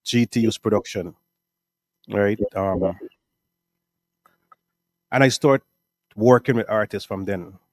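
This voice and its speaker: A middle-aged man with a Guyanese accent answers interview questions in a relaxed, meandering way, punctuating thoughts with "right?" and "um." His voice sits on the low side and sounds dry and close to the mic. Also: takes it slowly, long pauses, dry recording. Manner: relaxed, rambling, frequent "right?" and "um". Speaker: music artist and producer.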